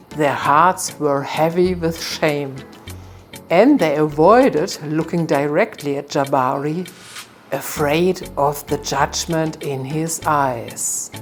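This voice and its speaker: A woman tells a folktale in a calm, measured way, her voice sitting low and unhurried. Soft music plays faintly beneath her narration. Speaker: storyteller.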